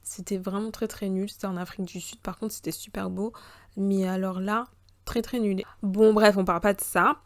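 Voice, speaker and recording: A woman's voice: mid-range voice, steady tone, moderate pace, dry recording. A woman in her twenties from the Republic of the Congo and the Central African Republic, hosting a casual solo podcast in a chatty, slangy way. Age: 20s. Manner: chatty, slangy, swearing on her mother, switching into voices. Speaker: podcast host.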